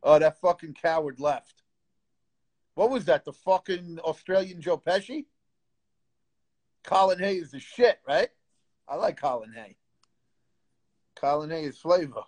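A man with a high-pitched voice hosts a live stream and goes after a caller. He taunts him and swears constantly, in a loud, confrontational chat style. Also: lively intonation, unhurried, long pauses. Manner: taunting, profane, insulting.

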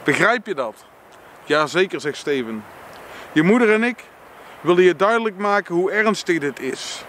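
Dutch male reader, higher voice, earnest, faint traffic behind. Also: lively intonation, fairly bright tone. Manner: slow earnest reading, stumbles and self-corrects. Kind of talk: reading a book passage aloud with personal reflection.

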